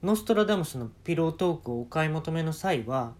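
A man's voice: a little high, lively intonation, fairly quick, darkish tone. Kansai man telling a casual story. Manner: conversational, acts out quoted dialogue. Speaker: solo podcast host. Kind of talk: casual comedic storytelling monologue.

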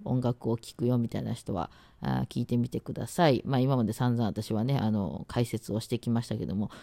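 A woman from Osaka, Japan, a radio talk host and musician, chats casually on her own solo podcast in Osaka dialect. Her rumbling low, mellow voice rambles with many fillers as she tries words out aloud, and there's no room sound.

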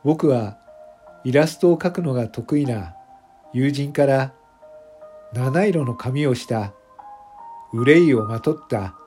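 Playing a self-conscious factory worker who became a popular voice streamer, a man delivers a confessional radio drama monologue over background music. His medium-pitched, dark voice is expressive and slow, with long pauses, and he sounds confiding and modestly proud.

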